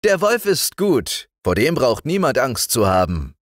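A man's voice: medium pitch, wildly swooping pitch, a little slow, no room sound, clean studio sound, pitched above the performer's own voice. A man voicing a kindly old village doctor in a storybook reading. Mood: pleased.

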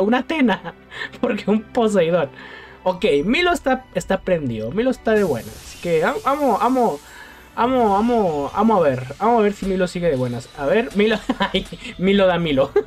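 Lively Mexican man ranting over game pulls. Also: high-pitched. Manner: exasperated, self-mocking, laughs a lot. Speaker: gaming youtuber. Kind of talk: casual gameplay commentary.

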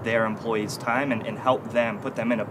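Man, 30s, consultant guest, mid pitch, halting and thoughtful, outdoor city noise. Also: flat delivery. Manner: thoughtful, many fillers and restarts. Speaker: consulting team lead, guest. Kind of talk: corporate interview. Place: outdoor stone bench in an urban courtyard.

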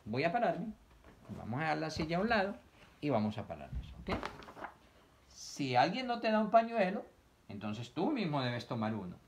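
A man's voice: a little high, huge pitch swings, moderate pace, slight background noise. A man teaching young children, reading a picture book aloud, asking them questions and acting out sneezes and coughs.

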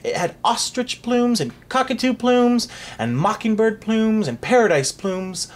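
A reader narrating a storybook aloud for a child in an expressive, animated way. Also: mid-range voice, unhurried.

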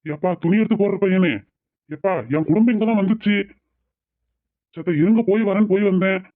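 Brief: man as an anxious, apologetic cartoon family man, slightly high voice, phone-like sound. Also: fairly even intonation, fairly quick, lightly acted.

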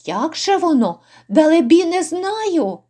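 A woman's voice: extremely high pitch, big pitch swings, takes it slowly, mellow, voice pushed up, exaggerated voice. Woman doing a wailing, frightened old innkeeper. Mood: pleading. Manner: pleading, wailing.

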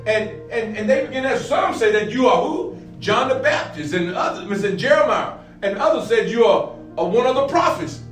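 A middle-aged pastor's high, slightly bright voice moves at a moderate pace as he teaches a Bible lesson in sermon style. He's expressive, repeating phrases and rising to emphatic peaks. Faint music and distant echo fill the roomy recording.

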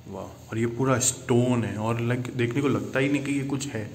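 A man's voice: mid-range voice, normal speed, noisy background. A man vlogging as he walks through a man-made underground temple cave, often exclaiming and mixing English into his Hindi, recorded on a handheld phone. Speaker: travel vlogger. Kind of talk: walking tour vlog narration.

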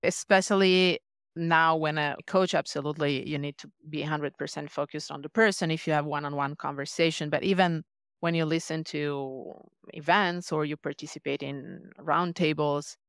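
An Italian woman who works as a leadership coach speaks as a podcast guest, thoughtful, reflective and earnest. Her voice is low, a bit bright, clear and resonant. The recording is clean studio sound with no room echo.

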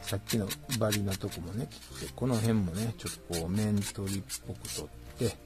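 A man's voice: on the low side, a little fast, over music. A man with a Kansai accent chatting casually to himself while building a plastic model kit. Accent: Kansai Japanese. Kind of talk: casual hands-on narration.

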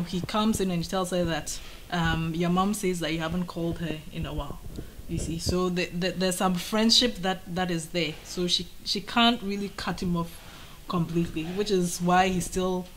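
A woman with a Ghanaian accent speaks in a slightly low register, explaining her views thoughtfully in a conversational interview. Some background noise sits faintly behind her voice. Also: rough recording. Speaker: writer being interviewed. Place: indoors on a sofa by shelves of mugs.

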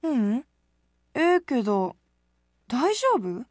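A woman's voice: high-pitched, big pitch swings, takes it slowly, a little hiss or hum, exaggerated voice. An actress voicing a blunt, teasing young idol girl in a dating game, speaking with a Kansai accent.

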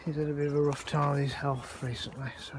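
Walking around his allotment, a man narrates a relaxed vlog on a handheld phone, chatty and rambling. His voice sits on the high side with little pitch movement, and he talks quickly over a noisy outdoor phone recording.

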